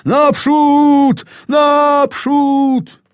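A man voicing a fretful young navy boatswain, complaining and eager, in a husky, raised voice. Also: mid-range voice, animated, normal speed, dry recording, studio quality. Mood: shouting. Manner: fretful and complaining, shouting in battle.

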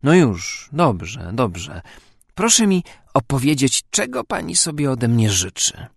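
A man voicing a self-assured, charming gentleman seducer, in a lower, soft, amused tone. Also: big pitch swings, slow pace, creaky, slightly rough, no room sound, clean studio sound, full character voice.

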